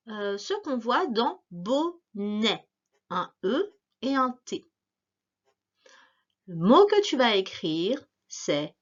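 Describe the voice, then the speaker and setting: A woman teacher giving a spelling dictation to young pupils, articulating slowly and repeating each word. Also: a little high, a bit bright, slightly rough, lo-fi sound.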